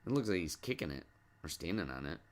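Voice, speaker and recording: A man's voice: sits low, very animated, fast. A middle-aged man hosting a casual sports podcast with his child, patiently asking question after question and coaxing answers. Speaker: podcast host and dad.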